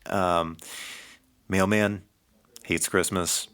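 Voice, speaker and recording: A man's voice: low-pitched, fairly even intonation, drawn-out words, fairly bright tone, clear, resonant tone. A man co-hosting a casual podcast, talking through a film in a laid-back, wry way. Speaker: podcast co-host. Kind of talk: casual movie review chat.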